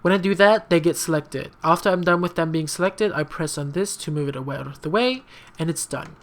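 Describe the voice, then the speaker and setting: Brisk and mid-range in voice, a young adult non-native English speaker rambles chattily through a casual screen-recorded tutorial. Fillers and apologies come often, along with blunt, slightly sassy asides.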